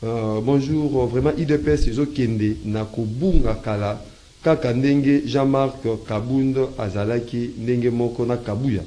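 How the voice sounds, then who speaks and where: Man, host reading comments, mellow dark tone, halting with fillers. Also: medium pitch. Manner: halting reading with many fillers, mixing French and Lingala. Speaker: radio host reading listener messages. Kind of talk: reading viewer comments aloud on a talk show.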